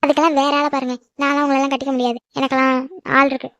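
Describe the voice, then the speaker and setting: A woman voicing a feisty, quick-tongued schoolgirl in a cartoon who protests and talks back. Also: high-pitched, little pitch movement, fairly bright tone, dry recording. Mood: protesting. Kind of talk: cartoon voice acting.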